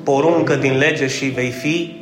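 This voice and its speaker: A man's voice: medium pitch, steady tone, reverberant, music in the background. A man preaching a conversational sermon, joking and asking the congregation questions.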